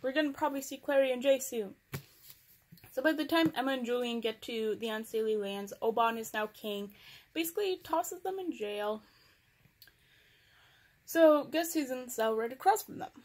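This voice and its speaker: A woman's voice: sits high, normal speed, long pauses. Chatty young woman recapping a book. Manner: chatty, rambling, with sarcastic asides. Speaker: book reviewer. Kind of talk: casual book recap vlog.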